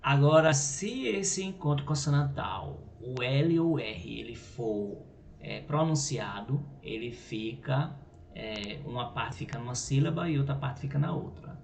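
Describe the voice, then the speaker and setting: A man's voice: mid-range voice, lively intonation, a little slow, gravelly. A Brazilian man teaching a grammar lesson, explaining step by step and checking in with "right?" and "ok?". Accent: Brazilian Portuguese. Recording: echoey room with faint noise.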